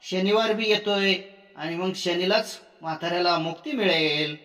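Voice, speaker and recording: A man's voice: high-pitched, normal speed, pushed and bright. A man voicing a proud preacher elder brother who lectures in a scolding way, recorded in a roomy space. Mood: insistent. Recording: roomy echo.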